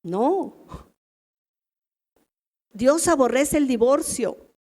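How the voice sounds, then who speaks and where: A woman's voice: high voice, expressive, drawn-out words, a little mellow. Mexican woman teaching a church group. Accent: Mexican Spanish. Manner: chatty, asks the audience rhetorical questions. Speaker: women's ministry teacher.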